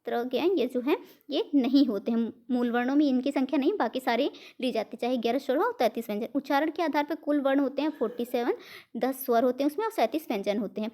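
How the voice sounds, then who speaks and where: A woman with an Indian accent teaches an exam-prep grammar lesson, speaking fast in a high-pitched voice with a dark tone. She goes step by step, asks and answers her own questions, and works English words into the lesson.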